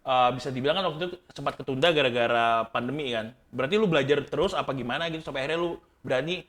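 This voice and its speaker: A man's voice: mid-range voice, racing, fairly bright tone. A man with an Indonesian accent interviewing in a casual, slangy chat. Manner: informal slang with mild swearing. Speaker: interviewer, fellow coffee competitor.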